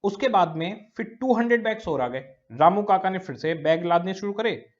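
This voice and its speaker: Lo-fi recording of a slow-explaining male teacher. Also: high voice, expressive. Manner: explains slowly, repeats key words, checks understanding. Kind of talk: recorded classroom lecture. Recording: dull lo-fi lecture recording.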